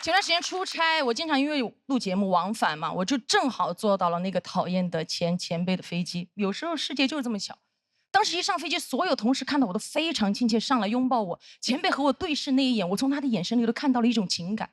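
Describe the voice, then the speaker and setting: A woman in her thirties performing a stand-up comedy set on stage, telling stories with animated acted-out voices. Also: a little high, fast, no room sound, clean studio sound. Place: comedy stage with live audience.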